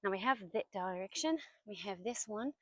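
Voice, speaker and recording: A woman's voice: medium pitch, expressive, normal speed, dry recording, rough recording. A young woman from New Zealand talking casually to her camera while walking outdoors on a woodland trail, often dropping to a whisper. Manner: chatty, often drops to a whisper. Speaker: vlogger.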